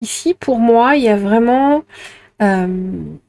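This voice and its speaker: A woman giving an intuitive tarot reading to her viewers, gentle and chatty, with many fillers and repeated words. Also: on the high side, animated, slow, creaky. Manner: speaks to unseen spirit guides while drawing. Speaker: tarot card reader.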